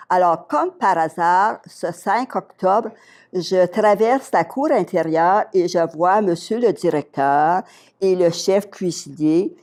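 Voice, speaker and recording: An older woman with a Québécois accent, a retired teacher telling a story as an interview guest and acting out the dialogue in it. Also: fairly low pitch. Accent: Québécois French. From Quebec. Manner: lively storyteller, acts out dialogue.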